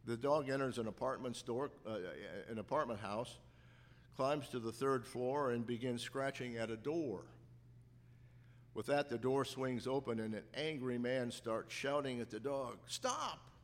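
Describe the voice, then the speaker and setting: A man preaching a sermon in a measured way, telling anecdotes and reading scripture. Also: mid-range voice, steady tone. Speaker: pastor. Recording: reverberant hall.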